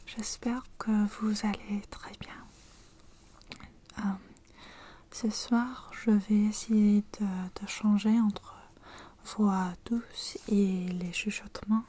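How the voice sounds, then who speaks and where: Soft-spoken ASMR woman, French, mellow and unhurried, close intimate whisper. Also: medium pitch, steady tone, breathy edge. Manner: slow, halting whisper with frequent pauses and restarts. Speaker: ASMR creator. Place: indoors at home.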